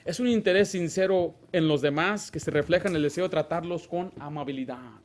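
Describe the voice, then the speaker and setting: A man's voice: fairly high pitch, a little fast. A male pastor preaching a Baptist sermon, asking the congregation rhetorical questions and acting out little dialogues. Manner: acts out short dialogues in a raised voice.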